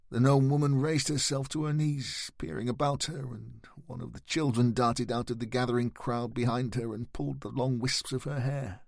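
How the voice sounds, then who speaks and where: Brief: male audiobook narrator, gravelly texture, dry close recording, measured pacing. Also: mid-range voice, no echo.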